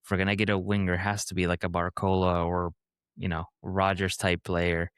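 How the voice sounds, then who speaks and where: Male podcast co-host, low register, close dry mic, rambling casual delivery. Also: flat delivery, fairly quick, clean tone, no room sound. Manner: rambling, thinks aloud with fillers. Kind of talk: casual football chat.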